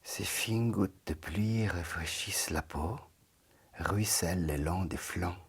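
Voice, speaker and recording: A man leads a yoga nidra meditation in a low, husky, very breathy voice. He talks slowly and calmly, often letting his lines drop into a soft half-whisper.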